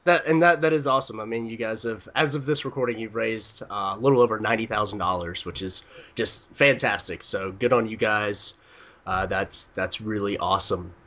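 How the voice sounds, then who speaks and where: A man's voice: on the low side, a little fast, sharp tone. A man hosting a gaming podcast, chatty and upbeat with frequent ums and uhs. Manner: upbeat, chatty, filler-heavy. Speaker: podcast host. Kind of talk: casual podcast interview.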